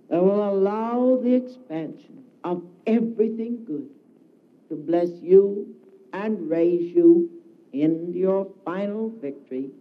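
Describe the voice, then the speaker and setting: A man giving a solemn devotional address, declaiming slowly with emphatic repetition, heard on a dull lo-fi recording. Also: high voice. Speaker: spiritual speaker.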